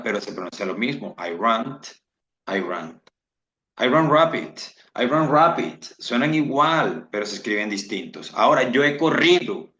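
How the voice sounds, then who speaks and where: A male English teacher, giving a bilingual lesson and slowly repeating example sentences aloud. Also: fairly low pitch, bright, forceful tone. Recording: roomy, dull lo-fi sound.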